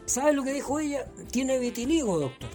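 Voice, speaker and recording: A man's voice: very high-pitched, very animated, normal speed, a little mellow, faint music behind. A man playing a cheeky, rambling male vagabond who tells jokes with a Chilean accent. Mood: joking. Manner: rambling storyteller full of fillers and punchlines. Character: cheeky joke-telling male vagabond, middle-aged.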